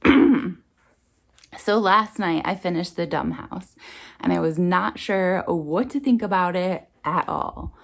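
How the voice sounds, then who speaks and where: Woman, low voice, gravelly fry, groggy morning voice, rambling book chat. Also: takes it slowly. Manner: rambling, many ums. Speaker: book vlogger. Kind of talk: casual book review chat. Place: home basement.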